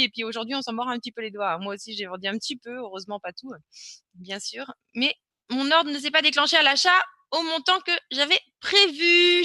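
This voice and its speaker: A woman's voice: a little high, bright, forceful tone, no room sound. A woman presenting a live webinar, talking casually and hesitantly with many fillers and restarts as she answers questions and shares her screen.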